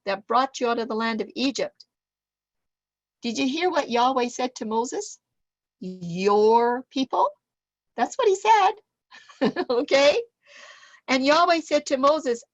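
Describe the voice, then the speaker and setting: A woman leads a Bible lesson, reading scripture aloud and stressing the key words with animated emphasis. Her voice sits fairly high and is recorded dry and close, with little room sound. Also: dry recording, poor audio. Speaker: Bible teacher. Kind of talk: Bible teaching.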